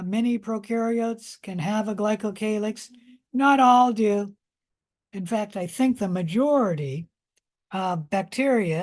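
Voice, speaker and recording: A woman gives a recorded biology lecture at a slow, deliberate pace. She explains carefully, pausing often and restarting sentences with fillers. Her pitch sits in the middle range. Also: a little mellow.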